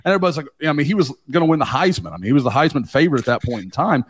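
Animated rambling man, dry sound. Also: fairly high pitch, very fast, breathy edge, no echo. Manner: animated, rambling, swears casually. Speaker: guest, team beat writer. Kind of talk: casual podcast chat.

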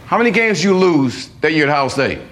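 A male football coach gives his players a motivational talk. He speaks in an emphatic, colloquial way and keeps repeating his points. His voice sits slightly high, with faint background noise. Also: sing-song, fast talker, a bit bright.

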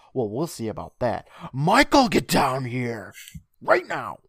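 A furious mother who nags and lectures her kids in a stern voice, as a man puts her on while retelling a TV scene. Her pitch swings lively up and down. She sounds impatient and sharp. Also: takes it slowly, creaky, no room sound, studio quality, full character voice. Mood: scolding. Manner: stern, nagging tone. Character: angry scolding middle-aged mother.

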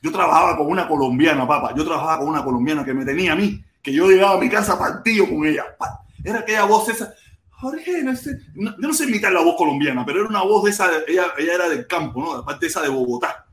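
A man with a Cuban accent hosting a live chat, playful and loud, repeating himself and bursting into shouts. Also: a little high, very fast, hardly any pauses, echoey room. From Cuba. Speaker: livestream host.

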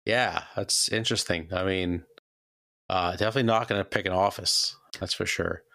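A man's voice: sits low, fairly even intonation, moderate pace, vocal fry, sharp tone, no room sound, clean studio sound. A man in casual chat, answering quiz questions in a hesitant way, full of fillers. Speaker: guest.

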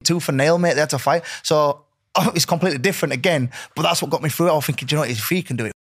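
Fast-talking man, higher-pitched. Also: fairly bright tone, no echo, clean studio sound. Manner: earnest, rambling, matey. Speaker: podcast guest. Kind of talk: casual chat.

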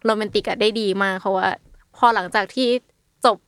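A woman's voice: medium pitch, fairly even intonation, brisk, a bit bright, dry recording. Chatty young woman, dry close mic. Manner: chatty, refers to herself by nickname. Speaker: podcast co-host. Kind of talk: casual chat.

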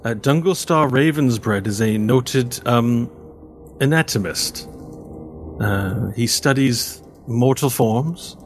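A man voicing a polite, earnest elf chauffeur in a tabletop game, speaking formally and haltingly. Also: medium pitch, soft background music, close to an everyday voice. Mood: admiring, earnest. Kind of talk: tabletop role-play.

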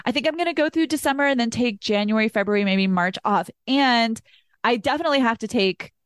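A woman hosting a podcast, talking in a chatty, animated way and swearing freely. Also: a little high, fairly quick, clear, resonant tone, no echo, studio quality. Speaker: podcast host. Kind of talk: casual chat.

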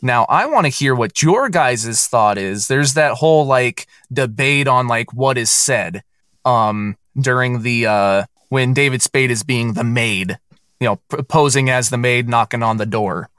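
A man's voice: mid-range voice, unhurried, a bit bright, dry recording, studio quality. A man hosting a casual podcast chat, playful, often restarting his sentences.

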